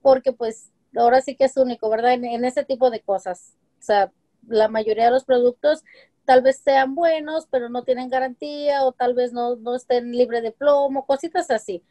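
Fairly high in pitch yet dark in tone, this woman's voice has fairly even intonation and a moderate pace. The forties-aged home-business seller chats in a casual interview over a video call, using her webcam in a home room with colorful containers lining the shelves, and she relies on examples and fillers like "este" and "eh."

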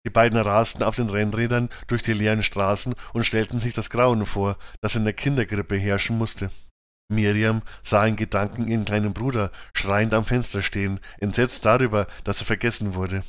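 A man reading a children's audiobook with even, clear storytelling. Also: lowish voice, normal speed, no room sound, clean studio sound. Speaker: audiobook narrator.

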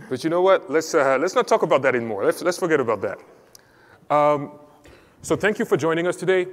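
A man from Cameroon presents a technical session on a large conference stage, speaking in a clear, orderly way through a headset mic. His medium-pitched voice carries a long reverb from the hall around him.

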